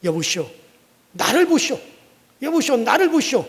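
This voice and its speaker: A male preacher voicing a stubborn, fervent pastor who prays and commands loudly, repeating his pleas. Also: very high-pitched, sing-song, moderate pace, voice pushed up, heavily acted. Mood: commanding. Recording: long church reverb.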